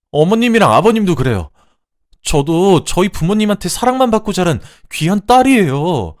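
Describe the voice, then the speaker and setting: A man voicing a furious, betrayed young wife who shouts shrill accusations. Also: no echo, studio quality.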